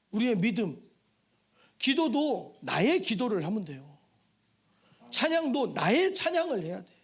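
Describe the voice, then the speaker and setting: Pastor guy preaching in church, pretty high voice that jumps all over, chatty with lots of questions to the room. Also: breathy edge. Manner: lively and conversational, with rhetorical questions and asides to the congregation. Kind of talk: sermon. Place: church sanctuary.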